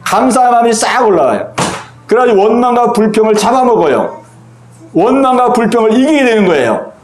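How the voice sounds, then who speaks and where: A man's voice: extremely high pitch, big pitch swings, a little fast, slight background noise. A male pastor preaching a sermon to his congregation. He talks earnestly, repeats his key phrases and acts out his own inner voice. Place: church sanctuary. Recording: echoey church room.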